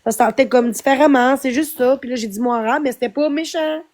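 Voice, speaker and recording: Very high-voiced distraught Québécois woman. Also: brisk. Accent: Québécois French. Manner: distraught, swinging between shouting, teary laughter and hushed self-calming. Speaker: livestreamer. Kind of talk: emotional livestream rant.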